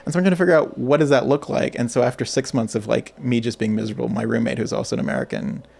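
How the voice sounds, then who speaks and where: A man in his thirties, a guest artist in a casual interview, telling his life story in a reflective, animated way. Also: medium pitch, racing, vocal fry. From grew up in Asia and Michigan.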